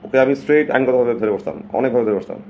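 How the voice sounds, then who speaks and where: A man's voice: mid-range voice, racing, muffled recording, a little hiss or hum. A man from Bangladesh, talking casually and emphatically to his viewers on a live stream and slipping English phrases in.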